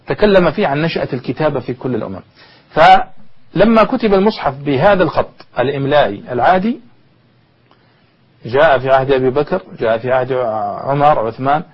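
A man's voice: mid-range voice, breathy edge. A male university lecturer, teaching a class and quizzing his listeners with questions as he goes. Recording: dull lo-fi recording.

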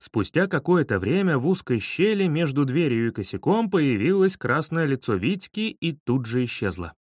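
A man narrating a humorous children's story in an expressive storytelling manner. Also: on the high side, moderate pace, breathy edge, dry recording, studio quality. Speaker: audiobook narrator.

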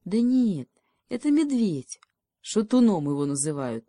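A woman's voice: mid-range voice, sing-song, measured pace, dark tone, no echo. A woman voicing a sensible, fretting male hedgehog who reasons things through aloud. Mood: explaining. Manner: thoughtful, reasoning, sighing.

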